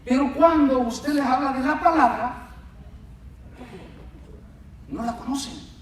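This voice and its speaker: A man's voice: very high voice, slow pace. A man preaches to his congregation and tells vivid personal stories. His voice rings through a very reverberant church hall, a little far from the microphone. A faint room hum stays underneath. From Latin America. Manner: storytelling, animated, addresses listeners as brother. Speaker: pastor. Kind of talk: sermon. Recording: echoey hall mic, speaker off-mic at times.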